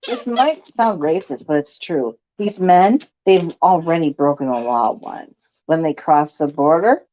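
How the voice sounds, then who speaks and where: Brief: a woman putting on a gossipy, condescending neighbor woman, lively pitch, muffled lo-fi recording. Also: measured pace. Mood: prying. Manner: chatty, condescending, prying. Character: nosy gossiping middle-aged woman neighbor.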